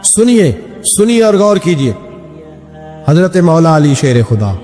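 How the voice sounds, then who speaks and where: A man's voice: a little high, big pitch swings, warm tone. A man preaching an emotional sermon, telling a story and singing verses in a melodic chant. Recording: long hall reverb with faint music.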